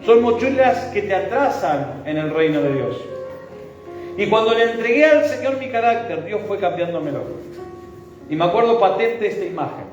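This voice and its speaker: A man's voice: sits high, animated, moderate pace, soft background music. A man with a Rioplatense Spanish accent, a pastor preaching a sermon and leading his congregation in call-and-response. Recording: echoey hall, dull sound.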